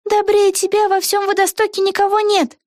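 A woman's voice: extremely high pitch, normal speed, dry recording, studio quality, voice pushed up. A woman voicing a young girl witch who insistently urges her best friend on, as in a storybook read aloud. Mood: urging. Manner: insistent, encouraging.

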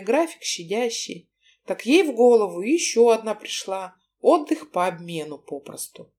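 A woman narrating an audiobook in an expressive, lively reading. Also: fairly high pitch. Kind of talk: scripted narration.

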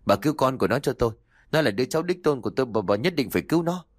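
Played by a male narrator from a spoken audio story, the cruel old mother-in-law berates with a harsh tongue and widely swinging pitch, her mood cold and harsh. Her expressive, racing voice is slightly rough and sounds close and dry, without echo.

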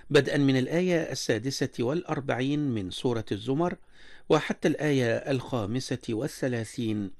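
A man with a voice of middle pitch makes a formal broadcast announcement. His delivery is steady and plain, in the manner of a radio presenter.

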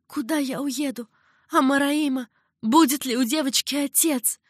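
A woman's voice: high voice, normal speed, no room sound, clean studio sound, pitched above the performer's own voice, lightly acted. A woman voicing a passionate young concubine who pleads emotionally. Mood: distraught.

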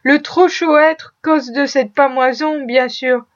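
Brief: woman reading as a slow, compassionate old servant woman, storybook, dull lo-fi sound. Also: high-pitched, fairly even intonation. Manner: slow, compassionate, broken grammar. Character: kindly old household servant woman, broken speech. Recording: muffled lo-fi recording.

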